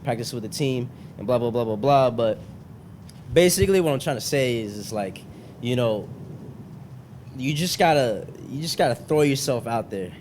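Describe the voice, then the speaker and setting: A man's voice: medium pitch, lively intonation, normal speed, darkish tone, a little hiss or hum. A young man hosting a casual podcast, talking in a slangy frat-bro way, peppered with bro and man. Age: young adult. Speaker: podcast host.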